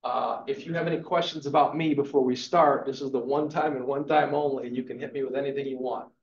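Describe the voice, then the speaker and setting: Speaking briskly in a mid-range voice with vocal fry and fairly even intonation, a man in his fifties delivers a motivational real estate lecture to a live class. He's emphatic and marks his points with "okay," in an echoey, dull lo-fi recording.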